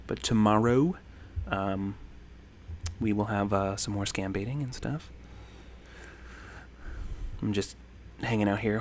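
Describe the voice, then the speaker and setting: With a voice on the low side and a little hiss or hum in the audio, a man in his thirties hosts a casual livestream. He rambles amiably while reading viewers' comments, thanking them often and saying "um" a lot.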